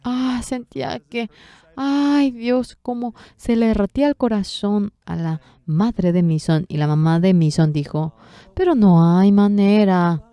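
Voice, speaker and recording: A woman's voice: medium pitch, steady tone, measured pace, dark tone, no room sound, muffled recording. A woman interpreting a sermon, telling a story earnestly with emotional swells.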